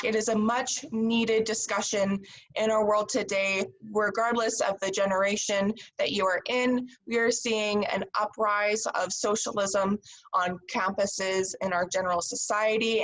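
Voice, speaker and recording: A woman's voice: medium pitch, fairly bright tone, rough recording. Upbeat Canadian woman moderating a panel. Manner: upbeat, encouraging. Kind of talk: panel discussion on a video call.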